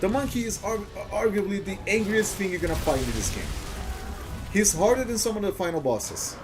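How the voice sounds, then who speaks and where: Over music, a Brazilian streamer with Portuguese as his first language chats casually during gameplay. He talks briskly in a high-pitched voice with lively intonation. He rambles and chuckles, using lots of "uh" fillers and starting sentences over.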